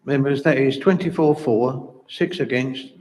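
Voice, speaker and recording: Male chair running a council vote, steady and procedural, mid-range voice. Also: mid-range voice, poor audio. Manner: measured, procedural.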